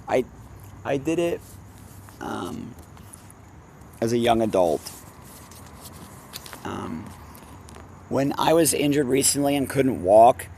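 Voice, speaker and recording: Slow, gravelly-voiced man for a casual book reading with rambling tangents. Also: on the low side, a little mellow, a little hiss or hum. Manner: breaks off with laughs and personal tangents; stumbles and self-corrects while reading. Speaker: reader of a fantasy novel. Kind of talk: casual read-aloud with rambling asides.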